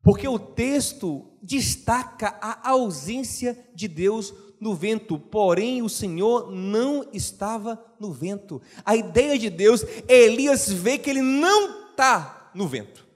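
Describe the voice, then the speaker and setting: Brazilian preacher, sermon, high voice for a man, lively storytelling, long church reverb. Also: slow, few pauses. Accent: Brazilian Portuguese. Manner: lively, storytelling, dramatizes quotes.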